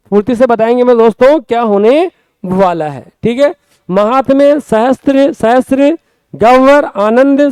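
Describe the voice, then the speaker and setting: A male Hindi grammar teacher with a Rajasthani accent, explaining a class lesson step by step, repeating words slowly and often asking his students quick questions. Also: extremely high pitch, darkish tone, smooth, no room sound.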